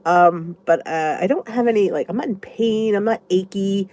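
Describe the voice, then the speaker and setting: Here the congested vlogger has a medium-pitched, darkish voice at normal speed. She chats and rambles through viewer comments in a relaxed live session, thinking out loud as she goes.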